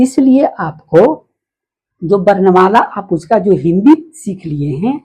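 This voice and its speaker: Slow husky woman teaching phonics. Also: medium pitch, dark tone, poor audio. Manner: slow, repetitive, quizzing the listener. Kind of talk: phonics lesson.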